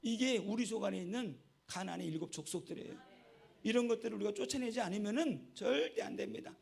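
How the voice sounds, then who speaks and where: A man's voice: high-pitched, fast talker, vocal fry, darkish tone. A man, a pastor, preaching a sermon and telling stories, often checking in with the congregation with a short "eh?". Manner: storytelling, keeps prompting the congregation with short "eh?".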